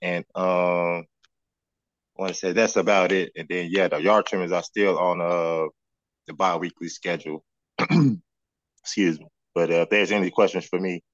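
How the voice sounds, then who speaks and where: A man's voice: sits low, flat delivery, normal speed, dry recording, dull audio. A man from public works finishing a hesitant report on a meeting call.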